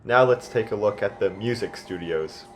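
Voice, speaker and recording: Low-voiced young man giving a campus tour. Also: moderate pace, music in the background. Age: young adult. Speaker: student campus tour guide. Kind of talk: guided tour narration. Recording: clear background noise.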